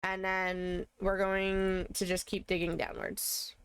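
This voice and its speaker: A woman's voice: mid-range voice, completely flat delivery, slow pace, a little hiss or hum. A woman streaming a video game live, chatting casually and thinking aloud as she plays. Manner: playful, answers chat.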